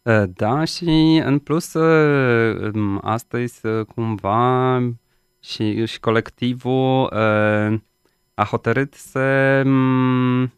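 A man answering as a guest in a live radio interview, halting as he searches for words. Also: mid-range voice, fairly even intonation, clean tone, no room sound. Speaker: studio guest, festival project coordinator and interpreter. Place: radio studio. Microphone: studio microphone.

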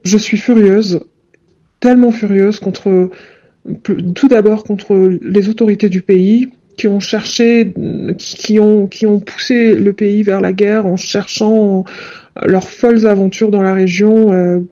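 A shaken woman in her forties from Iran giving halting, indignant eyewitness testimony, her voice disguised by a voice changer. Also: mid-range voice, fairly even intonation, mellow, lo-fi sound. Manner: hesitant, many pauses and fillers, indignant. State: shaken, breathless. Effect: voice altered by a voice changer. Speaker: witness, Tehran resident.

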